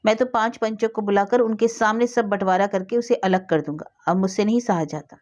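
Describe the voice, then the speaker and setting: A woman's voice: medium pitch, fairly quick, a little mellow, lightly acted. A woman voicing a fed-up middle-aged husband who talks sarcastically. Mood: exasperated. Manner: sarcastic, exasperated.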